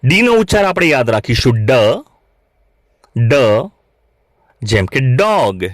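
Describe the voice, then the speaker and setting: A man teaching English phonics to beginners, saying each sound slowly and asking learners to repeat it back. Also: mid-range voice, sing-song, no echo. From Gujarat, India. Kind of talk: classroom lesson for beginners.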